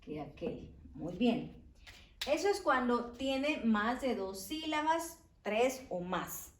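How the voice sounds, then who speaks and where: A woman with a fairly high voice teaches grammar at a very slow, careful pace. She spells words out letter by letter. The sound is roomy and echoey, picked up from some distance away. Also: very animated, slight background noise. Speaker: English teacher. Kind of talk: slow explanatory lesson. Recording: echoey room, voice from off-mic.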